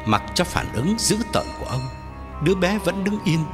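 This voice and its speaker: A man's voice: sits high, big pitch swings, moderate pace. A man narrating a dramatic ghost story. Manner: dramatic, sweeping intonation. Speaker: audiobook narrator. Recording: loud background music.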